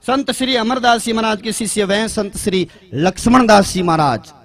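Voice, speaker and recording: Very high-voiced man reading a lineage. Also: expressive. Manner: reads out a list of names in slow, repeated phrasing. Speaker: devotee addressing a religious gathering. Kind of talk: formal public address.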